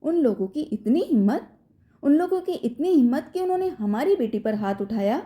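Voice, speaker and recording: A woman's voice: sits high, lively intonation, moderate pace, mellow, voice pushed up. A woman voicing a father who is concerned and angry for his daughter. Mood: furious. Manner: concerned, then furious.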